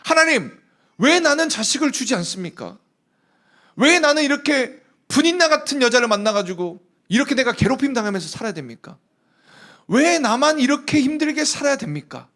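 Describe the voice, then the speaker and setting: A sorrowful, childless woman cries out in prayer, pressing God with one question after another in a high, rising voice, as a man acts her out. Her pitch swings widely as she pleads. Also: very animated, brisk, fairly bright tone, exaggerated voice. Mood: pleading.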